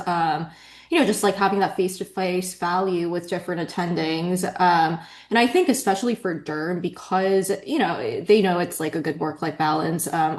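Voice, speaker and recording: Woman, 20s, from Korea, panelist on a video call; low-ish, roomy sound, chatty. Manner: chatty, many likes and you knows. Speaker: panelist, new medical graduate. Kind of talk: casual panel talk.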